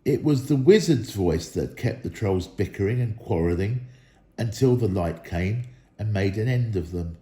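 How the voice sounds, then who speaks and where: A school staff member reads a story in an expressive children's storytelling style, his voice fairly low and mellow. He keeps a moderate pace with lively intonation, and the room around him echoes.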